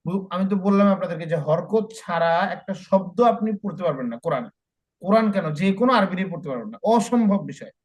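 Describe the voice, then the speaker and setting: Quran teacher drilling slow syllables. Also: male voice, sits high, expressive. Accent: Bangladeshi Bengali. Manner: slow syllable drills, then brisk explaining. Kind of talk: online Quran lesson.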